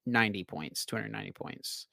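A man co-hosting a casual podcast chat about card games, animated and quick to laugh, his voice jumping from loud to low. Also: creaky, no room sound, clean studio sound. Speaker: podcast co-host.

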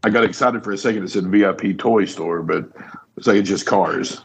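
A man with a gravelly, husky voice chatting casually as a podcast co-host. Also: deep voice, a little fast. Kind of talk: casual chat. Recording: dull lo-fi mic.

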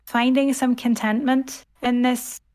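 This Northern Irish woman in her thirties has a fairly high, level, somewhat mellow voice with a youthful, girlish quality, and she talks a little slowly. Appearing as an interview guest, the author and podcaster chats casually in a hesitant, self-deprecating manner.

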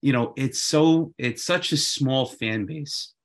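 A man's voice: medium pitch, takes it slowly. A man chatting casually and enthusiastically, often repeating phrases for emphasis. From Queens, New York. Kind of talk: casual chat.

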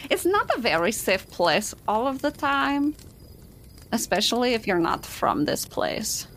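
A woman's voice: a little high, expressive, unhurried, fairly bright tone, slight background noise. A woman chatting casually and informally in character as a player in a tabletop game, often repeating words.

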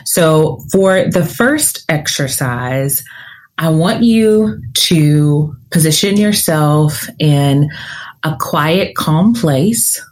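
Female, low voice, very unhurried; soothing sleep-story style guided meditation. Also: low-quality recording. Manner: calm, soothing, deliberate with long pauses. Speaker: podcast host and career coach.

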